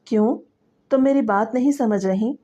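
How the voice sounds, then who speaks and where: A woman voicing a predatory middle-aged stepfather who speaks softly and coaxingly, then threatens, in a dramatic story reading. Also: on the high side, muffled recording, natural voice. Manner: soft coaxing voice that turns to threats.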